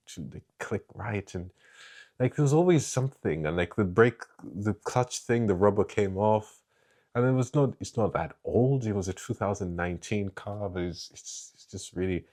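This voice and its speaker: A man's voice: fairly low pitch, darkish tone. A young man from East Africa giving a casual, rambling tier-list review of family cars, with many fillers and restarts. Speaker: car reviewer.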